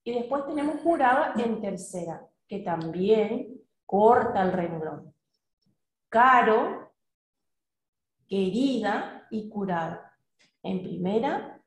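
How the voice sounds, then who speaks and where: Unhurried woman teacher in an echoey room. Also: medium pitch, animated. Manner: measured, asks the students questions. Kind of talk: recorded class lecture.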